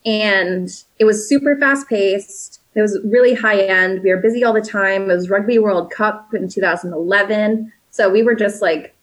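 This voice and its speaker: A woman's voice: medium pitch, moderate pace, few pauses, poor audio. Chatty upbeat woman in her late twenties. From South Africa. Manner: chatty and upbeat, lots of "like" and "um", laughs easily. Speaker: interview guest, winemaker. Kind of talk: casual conversational interview.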